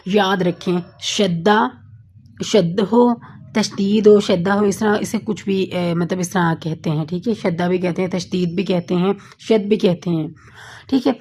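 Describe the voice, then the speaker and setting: A woman teaching an online Quran recitation lesson. She explains patiently, keeps checking in with her listeners and slows down to recite the Arabic examples. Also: lowish voice, fairly even intonation, darkish tone, a little hiss or hum. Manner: patient, repeats points with frequent checking fillers.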